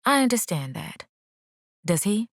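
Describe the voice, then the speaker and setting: A woman's voice: mid-range voice, sing-song, unhurried, no echo, clean studio sound, pitched above the performer's own voice. A woman voicing a nosy young female cousin in an audiobook, with playful, sly teasing. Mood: bawdy.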